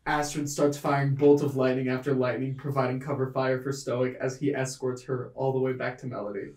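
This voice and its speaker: A man narrating a tabletop game as game master, in a measured, descriptive storytelling manner. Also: medium pitch, level tone, a little mellow, far from the mic. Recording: roomy, mic set back.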